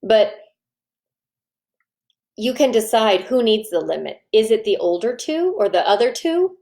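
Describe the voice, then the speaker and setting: A woman coaching parents in a live online training, chatty and lively, often acting out what parents and kids say. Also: on the high side, measured pace, vocal fry. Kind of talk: live online training, answering viewer questions.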